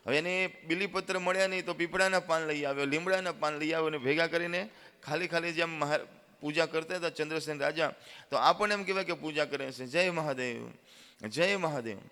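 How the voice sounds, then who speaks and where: A man telling a devotional story in a sermon, with animated narration and acted quotes. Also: on the high side, fairly quick, smooth, long reverb tail. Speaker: religious storyteller.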